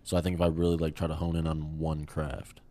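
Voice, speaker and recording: A young man chatting casually as a podcast guest, rambling with lots of fillers and trailing off quietly. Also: very deep voice, completely flat delivery, quick pace. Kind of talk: casual chat.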